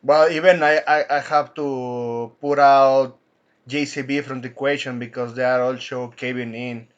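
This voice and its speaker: A man hosting an angry commentary rant, indignant and swearing, with frequent halting restarts. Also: mid-range voice, steady tone, smooth, lo-fi sound. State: coughing from anger at times. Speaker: commentary channel host.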